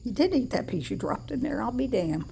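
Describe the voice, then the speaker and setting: A woman's voice: fairly high pitch, very animated, fairly quick, creaky, mellow, a little hiss or hum. A woman talking casually and affectionately to animals in a folksy way, as if filming at home.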